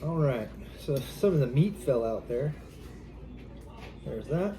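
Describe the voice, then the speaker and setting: Easygoing Southern man from Louisiana, mid-pitched, hosting a home kitchen vlog with loose, rambling chatter. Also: animated, takes it slowly, dark tone, slight background noise. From Louisiana, USA. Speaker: channel host. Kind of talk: casual cooking vlog.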